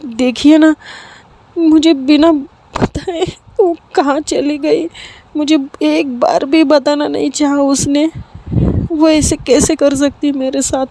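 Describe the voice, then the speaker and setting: A heartbroken teenage girl pleads through tears in a raised, strained voice, her words catching as she speaks, put on by a woman telling the story. The tone stays mellow and soft-edged. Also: sits high, completely flat delivery, measured pace, slight background noise, pitched above the performer's own voice. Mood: crying. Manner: pleading, crying, voice breaking. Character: tearful hurt teenage girl.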